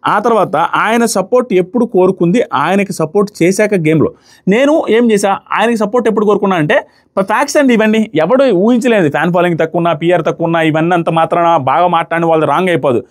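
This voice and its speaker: A man giving a casual commentary recap of a reality show, quickly acting out what the contestants said. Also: sits high. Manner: rapid animated recap, acting out contestants' words. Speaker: show reviewer.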